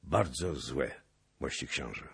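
A man's voice: very deep voice, lively intonation, unhurried, pushed and bright, slightly rough, no echo, clean studio sound, full character voice. A man voicing a grim, weary young officer who speaks in a subdued, grave way.

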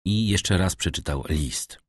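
Deep-voiced male audiobook narrator. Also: no room sound, clean studio sound. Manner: measured, dramatic storytelling. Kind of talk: scripted narration.

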